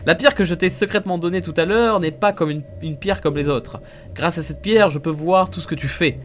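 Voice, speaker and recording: A man reading game dialogue aloud as a bossy young female pirate captain, in a lively, slightly raised voice. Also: on the high side, fairly quick, a little hiss or hum, natural voice. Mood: confident. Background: game music.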